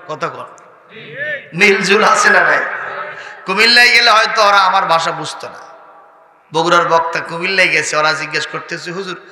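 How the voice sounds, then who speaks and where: A man with a Bogra accent delivers an Islamic sermon in a high, very bright voice, rising into chanted shouts and then dropping low again. He keeps calling on the crowd to answer him. The sound rings through a long, echoing reverb from the loudspeakers. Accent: Bogra Bengali. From Bangladesh. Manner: calls out to the crowd for responses; swings between soft talk and loud chant-like shouting. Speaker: preacher.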